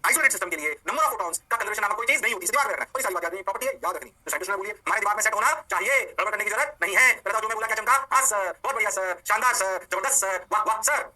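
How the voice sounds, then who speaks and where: Male physics teacher, rapid talk, sharp and husky voice, lively call-and-response lecturing. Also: sits high, low-quality recording. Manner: animated, plays both sides of a call-and-response with students. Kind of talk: energetic classroom lecture.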